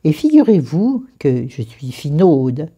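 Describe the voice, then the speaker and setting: A woman with a low, mellow voice runs through her skincare routine from her bedroom, her pitch swinging up and down as she talks. She rambles cheerfully, pokes fun at herself and throws in crude asides. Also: sing-song, takes it slowly, slightly rough. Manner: chatty, rambling, self-mocking, with crude asides. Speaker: beauty vlogger. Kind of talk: casual skincare vlog. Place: bedroom at home.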